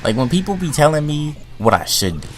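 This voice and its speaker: A young man in a profane, comedic rant to camera, swinging from loud outbursts to low mutters. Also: a little fast. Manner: animated, heated, swings between loud outbursts and low mutters, filler-heavy. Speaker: vlogger.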